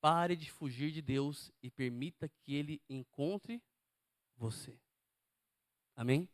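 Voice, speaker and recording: A man delivers a sermon in a high-pitched voice, speaking emphatically and repeatedly turning questions on his listeners. The sound is close and dry, with no room around it. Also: slow pace, no echo. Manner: emphatic, asks the congregation questions. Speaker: preacher.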